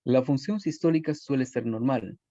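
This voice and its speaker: A man's voice: mid-range voice, normal speed, creaky, warm tone, no room sound. A man presenting a recorded medical class, explaining steadily with fillers and small self-corrections. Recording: dull lo-fi voice recording.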